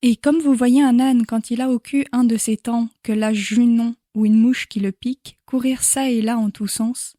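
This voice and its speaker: A woman reading a classic novel chapter as an audiobook narrator in a measured, clear way. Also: a little high, steady tone, mellow, no echo, studio quality.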